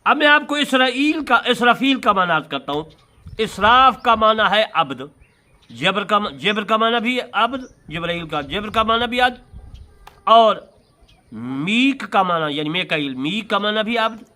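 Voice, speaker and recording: A man preaching a religious lecture, explaining word meanings with emphatic, drawn-out words and repeated points. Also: high-pitched, sharp tone. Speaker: Islamic preacher explaining scripture commentary. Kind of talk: sermon-style religious lecture.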